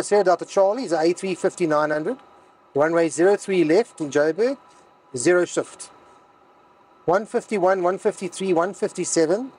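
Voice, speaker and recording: A man's voice: high-pitched, darkish tone, slightly rough, low-quality recording. A man walking through a cockpit setup as a pilot instructor, reading out each setting step by step in a cockpit. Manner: methodical, reads out settings step by step. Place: aircraft cockpit.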